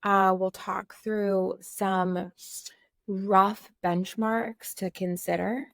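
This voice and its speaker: A woman co-hosting an online course, explaining in a friendly, practical way with quick asides. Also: medium pitch, flat delivery, creaky, fairly bright tone, no echo, studio quality. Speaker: course co-host. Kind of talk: casual course walkthrough.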